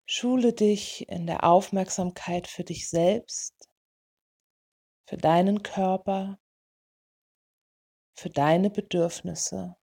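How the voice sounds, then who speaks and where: Slow, mellow woman guiding a meditation. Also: medium pitch, fairly even intonation. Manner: soothing, gentle, unhurried delivery in short phrases. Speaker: meditation guide for dog owners. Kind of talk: guided meditation.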